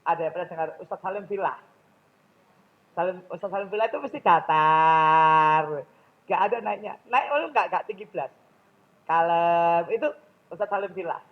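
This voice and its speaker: A man's voice: sits high, fast talker, dull audio. A man with a Javanese accent giving a public speaking lecture in a mosque, often questioning his audience directly.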